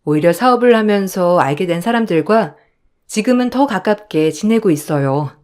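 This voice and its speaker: A woman narrating a first-person story in a steady, indignant storytelling manner. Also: mid-range voice, moderate pace.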